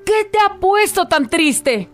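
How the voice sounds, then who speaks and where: Woman doing a tender storybook king, high and lively. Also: slow pace, exaggerated voice. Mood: concerned. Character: kind, worried king speaking to his plants.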